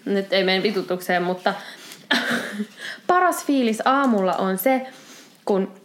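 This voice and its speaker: A woman's voice: medium pitch, expressive, fairly bright tone. A young woman co-hosting a podcast, telling everyday stories in casual chat, swearing freely and acting out her own reactions. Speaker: podcast co-host.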